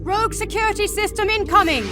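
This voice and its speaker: A woman playing a brisk, analytical crewmate in a science-fiction video game, speaking formally and precisely. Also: very high-pitched. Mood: alert. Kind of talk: scripted video game dialogue. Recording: game music under dialogue.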